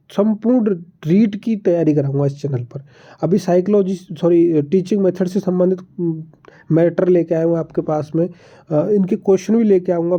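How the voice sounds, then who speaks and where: A man, teaching an exam-prep lesson. He explains each point, then asks his own questions and answers them. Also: high-pitched. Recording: dull lo-fi audio.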